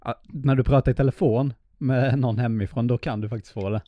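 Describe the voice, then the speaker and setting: A man's voice: medium pitch, fairly even intonation, no room sound, lo-fi sound. A man with a mixed Småland and northern Swedish accent, chatting casually as a podcast co-host. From Småland, Sweden. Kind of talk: casual chat.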